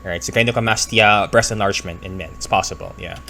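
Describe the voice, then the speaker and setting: A man's voice: on the low side, fairly even intonation, fast talker, pushed and bright, a little hiss or hum. A man from the Philippines, a pharmacist giving casual explanatory commentary while reacting to a video, thinking aloud and correcting himself.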